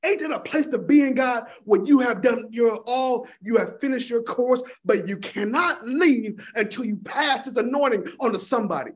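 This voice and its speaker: Casting high-pitched male preacher, fervent sermon delivery, calls the crowd honey. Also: moderate pace, hardly any pauses. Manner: fervent, repeating "my God in heaven" and calling listeners "honey".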